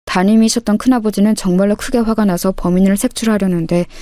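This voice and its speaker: A woman narrating a scripted audio story in a calm, measured way. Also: medium pitch, dry recording, studio quality.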